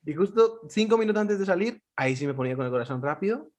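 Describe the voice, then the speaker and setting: A man's voice: sits high, expressive, fast. A man hosting a casual interview, chatty and affirming with his guest. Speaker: podcast host.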